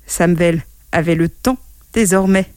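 A woman reading a fairy tale aloud as scripted storybook narration, in a gentle, measured way. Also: lowish voice, clear, resonant tone, dry recording.

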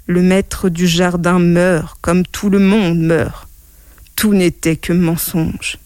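A woman's voice: on the low side, level tone, slow pace, darkish tone, no room sound. A woman doing a grumpy, vain king. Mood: bitter. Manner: grumbling, commanding.

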